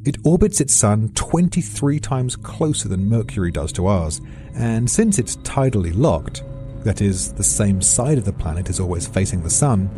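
British guy reading a science script, dry wit, bouncy delivery. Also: lowish voice. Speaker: explainer. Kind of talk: scripted narration.

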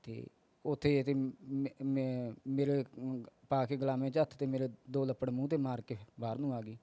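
A man in his thirties giving interview testimony, telling his story in a halting, earnest way with many restarts. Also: mid-range voice, flat delivery, dark tone, no echo.

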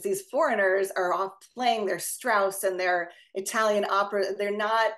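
A woman leading a casual academic discussion over a video call, talking in chatty, digressive runs with quick asides. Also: on the low side, gravelly. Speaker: discussion leader.

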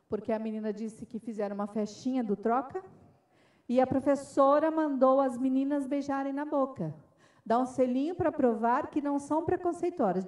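A woman with a Brazilian Portuguese accent addresses a forum in an emphatic, impassioned talk, acting out the exchanges she tells about. Her voice sits high, and she sounds set back from the microphone. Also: a little mellow, far from the mic. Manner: emphatic, acts out dialogues in her speech. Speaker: forum speaker. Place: event forum.

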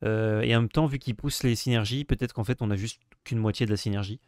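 A man's voice: lowish voice, steady tone, fast, a little mellow, dry recording, clean studio sound. A man co-hosting a casual card-game discussion, talking with many hesitations and restarts. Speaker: co-host.

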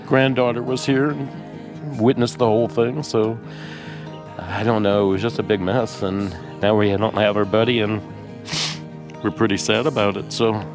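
A lower-voiced man talking to his viewers in a rambling, halting way, his voice tearful and broken by ums and pauses. Music plays clearly underneath him. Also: steady tone. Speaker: RV vlogger. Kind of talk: casual vlog talk to camera.

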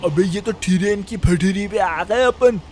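A man doing a broke young shop helper in a game role-play, talking to himself nonstop in a Pakistani Urdu accent. His voice sits high for a man, and he rambles and chuckles between lines. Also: a little slow, darkish tone, a little hiss or hum. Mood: chatty. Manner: rambling self-talk, frequent chuckles and "yaar".

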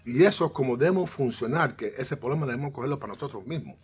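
This middle-aged American guest of Cuban parentage is a financial strategist chatting casually from an armchair on a TV studio set. His husky, mid-range voice comes quickly, and he is animated and gestures a lot, often restarting and slipping in English words, especially "so."

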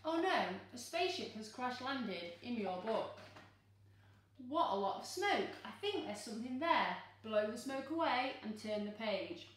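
A teacher reads a picture book aloud to children from a sofa in a living room, her fairly high voice expressive and full of exclamations as she coaxes her young listeners along. The room is very echoey, and the camera recording her sits a few metres away.

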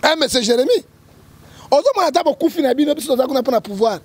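A man's voice: very high-pitched, animated, racing. A man with a Congolese accent, a prophet guest giving emphatic political commentary in an interview, often checking in with his listener and quoting scripture. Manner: emphatic, keeps checking with "hein?", quotes scripture.

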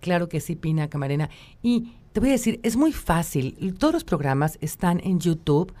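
A woman's voice: lowish voice, very animated, normal speed, dark tone. Upbeat Mexican radio host woman. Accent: Mexican Spanish. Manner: upbeat, reads listener messages and greetings aloud. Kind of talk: live radio talk show.

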